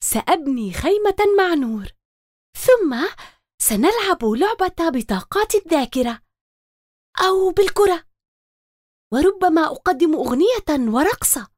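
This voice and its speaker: A woman voicing a lively, excitable little girl who talks eagerly in exclamations. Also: extremely high pitch, measured pace, long pauses, dry recording, clean studio sound, pitched above the performer's own voice, heavily acted. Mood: excited.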